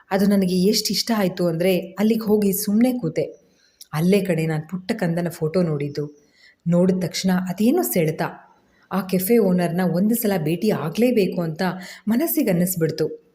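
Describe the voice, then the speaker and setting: A woman reading the part of a tender, earnest young husband in an audio story, speaking softly and pleadingly. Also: fairly low pitch, close to an everyday voice.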